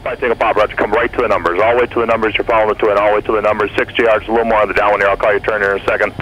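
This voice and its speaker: Over faintly noisy aviation radio, a male tower controller speaks very fast in a lowish, fairly bright voice that barely changes pitch. His instructions are clipped and courteous, picked up in a jet cockpit, and the recording is rough.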